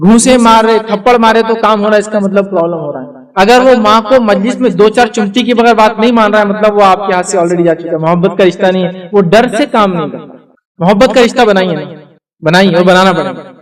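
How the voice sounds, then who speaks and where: High-voiced man giving an earnest talk. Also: a little fast, distant mic. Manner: earnest, asks the audience questions, mixes in English words. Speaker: Islamic speaker giving a parenting talk. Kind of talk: speech to an audience.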